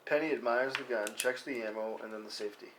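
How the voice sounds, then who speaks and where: Clicks and room noise mark this live recording of a man reading stage directions at a table read. He talks fast in a mid-range voice, delivering scene headings and action lines as scripted narration.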